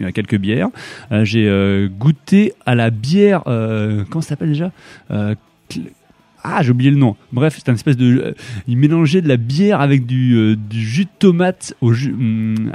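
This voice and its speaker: A young man from France hosts a radio show, chatting casually and haltingly between tracks with lots of fillers and restarts. His voice is medium-pitched with a dark tone, and there's no echo.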